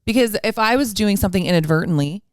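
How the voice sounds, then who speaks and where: A woman's voice: medium pitch, expressive, fast talker, smooth, no room sound, clean studio sound. A woman in her fifties co-hosting a podcast in casual chat, joking at her own expense and laughing often. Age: 50s. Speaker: podcast co-host.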